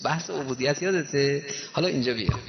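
A man's voice: fairly high pitch, creaky, lo-fi sound, a crowd in the background. Emotive preacher man in a reverberant hall. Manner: emotive, rhetorical questions to the audience. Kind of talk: religious sermon.

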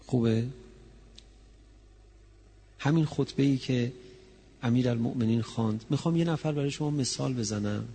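Male preacher, gravelly voice, impassioned sermon, soft intimate talk to loud lament, faint background noise. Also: mid-range voice, pauses often. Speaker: preacher reciting a mourning recitation. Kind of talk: religious sermon rising into chanted lament.

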